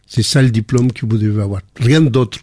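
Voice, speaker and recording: An older man with a foreign accent speaks in a husky voice. He tells anecdotes with many restarts and repeated words. The sound is close and dry. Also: medium pitch, brisk, no echo. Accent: foreign accent in French. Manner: warm anecdotal storytelling with frequent restarts. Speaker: guest. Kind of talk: casual conversation.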